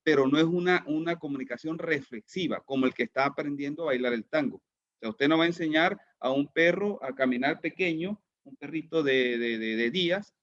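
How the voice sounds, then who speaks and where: A man's voice: a little high, a little fast, dry recording, dull audio. A man teaching an online class, who keeps asking his students questions and repeats words as he goes. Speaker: lecturer.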